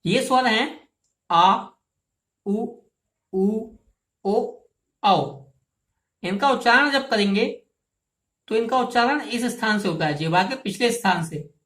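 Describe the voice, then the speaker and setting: A woman's voice: a little high, normal speed, a bit bright, roomy sound. A woman teaching a grammar lesson. She explains patiently and step by step, repeats key terms and asks listeners to say the sounds aloud themselves. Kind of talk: classroom lesson.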